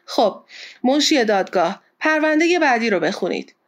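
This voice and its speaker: A woman reading the lines of a stern male judge in an audiobook, in a formal, measured manner. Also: a little high, very animated. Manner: formal, pronouncing sentences.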